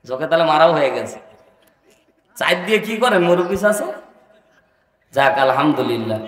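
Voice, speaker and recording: A high-voiced man delivers a rousing sermon, shouting refrains and urging the crowd to answer him louder. His voice booms through a public address system with a long, echoing reverb, caught from some distance away. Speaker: preacher. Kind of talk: Bengali waz sermon. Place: outdoor religious gathering.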